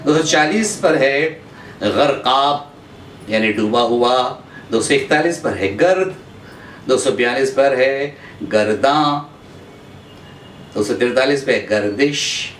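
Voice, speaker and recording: A man from India teaching an Urdu pronunciation lesson, going through words in a measured way, repeating each one and pausing on drawn-out "uh" fillers. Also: medium pitch, fairly bright tone, far from the mic. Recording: echoey room, voice off-mic, faint background hum.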